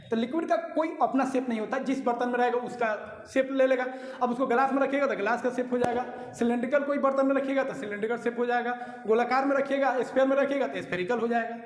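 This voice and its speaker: A man teaching a recorded lecture, explaining patiently and often pausing to check that listeners follow. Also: very high-pitched. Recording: echoey hall with long reverb.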